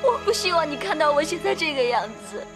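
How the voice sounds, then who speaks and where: A woman's voice: high voice, big pitch swings, fast talker, over loud music. A tearful fox spirit girl. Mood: pleading. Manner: tearful, pleading, flares into shouting. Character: distraught young fox spirit woman, ashamed, bitter. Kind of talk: TV drama dialogue. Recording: loud film score behind dialogue.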